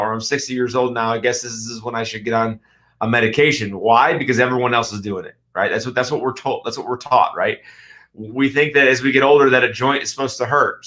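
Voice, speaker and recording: A middle-aged chiropractor hosts a health radio show, delivering a monologue earnestly and emphatically, often restarting sentences and asking rhetorical questions. His voice is mid-range with a sharp tone.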